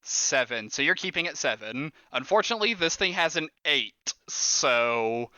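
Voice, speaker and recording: A man running a tabletop horror game as game master, animated, laughing and swearing casually. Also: a little high, moderate pace, clean tone, dry recording, muffled recording.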